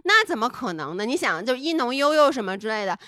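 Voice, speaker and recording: A woman's voice: on the high side, big pitch swings, fast talker, sharp tone, dry recording, studio quality. A woman co-hosting a podcast, telling a personal story in a candid, rambling, heartfelt way. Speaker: podcast co-host.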